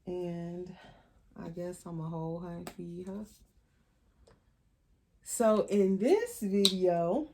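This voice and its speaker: A woman's voice: lowish voice, slow, long pauses, mellow, a little hiss or hum. A middle-aged woman hosting her own vlog, chatting casually as she shows what she is doing, with plenty of asides and self-corrections. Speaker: doll collector vlogger.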